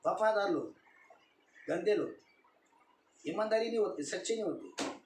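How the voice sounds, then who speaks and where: A man's voice: high-pitched, a little slow. A man preaching a sermon as a pastor, repeating his points emphatically and asking the congregation questions. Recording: echoey room, voice from a distance, faint hiss.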